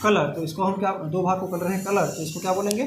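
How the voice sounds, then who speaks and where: In an echoey classroom, with a light hiss in the background, a middle-aged man leads a math lesson by asking questions and answering them himself. His voice is high, his tone steady, and he talks fast.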